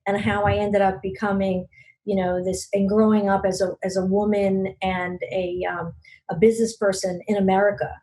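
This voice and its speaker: The poor audio carries a mellow, mid-range voice with little pitch movement and a moderate pace. It belongs to a woman from Long Island, New York, a regional business network leader interviewed on a podcast, who recounts stories earnestly amid plenty of fillers and restarts.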